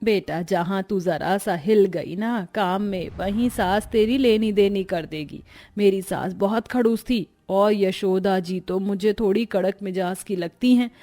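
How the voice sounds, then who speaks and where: A woman's voice: mid-range voice, measured pace, warm tone, soft background music, lightly acted. A woman voicing a worried middle-aged mother who lectures and teases her daughter before the wedding, in a cartoon story. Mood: lecturing. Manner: lecturing, teasing.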